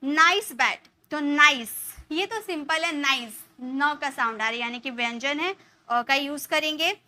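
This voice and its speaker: Woman teacher explaining english grammar in hindi, high bright voice, asks herself questions then answers. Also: unhurried. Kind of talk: spoken English lesson in Hindi.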